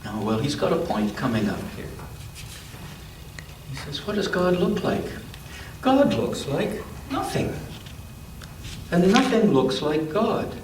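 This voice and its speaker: Reading to children in a spacious church, a man whose voice runs on the high side and is very animated stops for asides and asks the kids about the pictures in the book. The sound comes from a distant mic, with echo and background noise.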